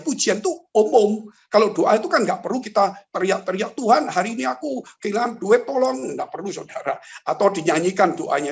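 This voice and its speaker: A man, a pastor, teaching in a church talk show, speaking to his listeners directly with rhetorical questions and acting out the stories he tells. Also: high-pitched. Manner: animated, rhetorical questions, addresses listeners as brothers and sisters; storytelling with vivid acted-out exclamations.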